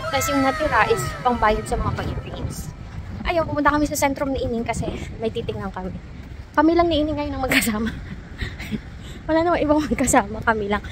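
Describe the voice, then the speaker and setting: Speaking quite quickly and with animation, this high-voiced young woman from the Philippines chats casually to her viewers, telling stories and laughing a lot. She's outside in cold weather, feeling sick, tired and low, with background noise present.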